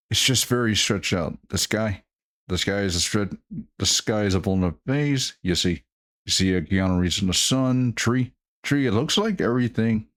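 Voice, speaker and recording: A man giving casual reaction commentary in a halting way, often repeating his words and phrases. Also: lowish voice.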